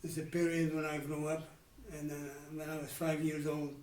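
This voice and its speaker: In this candid interview, a ninety-something Dutchman from the Netherlands looks back on his youth, stopping and restarting often and letting sentences trail off. His fairly high, level voice has a darkish tone. Poor audio places him far from the mic in a roomy space, with faint hiss or hum.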